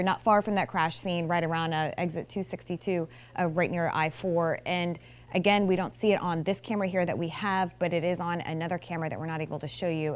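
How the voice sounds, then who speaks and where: Brisk woman giving a traffic report. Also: lowish voice. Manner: brisk, informative, steady delivery.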